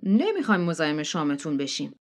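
A calm husband gently talking his wife round, as a woman narrator reads him. The voice stays near the narrator's own. The tone is soft and persuasive. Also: low-pitched, pitched below the performer's own voice.

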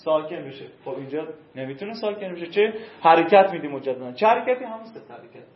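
A man's voice: fairly high pitch, animated. A male teacher giving a classroom grammar lesson, drilling verb forms and quizzing his students. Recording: dull, roomy classroom recording.

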